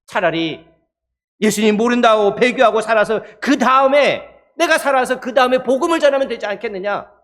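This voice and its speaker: A male pastor delivers a sermon in a high, light voice. He keeps putting questions to his listeners and slips into the voices of suffering believers to make his point. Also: animated, a little fast, a bit bright. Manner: asks the congregation questions and acts out voices of the persecuted.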